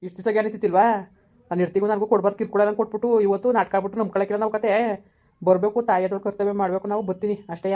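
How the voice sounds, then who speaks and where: Woman acting as a resentful elder brother, very rapid, dark voice. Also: medium pitch, flat delivery, lightly acted. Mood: scolding. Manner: scolding, blunt. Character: stern, resentful elder brother, grudgingly helpful. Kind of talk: amateur village drama.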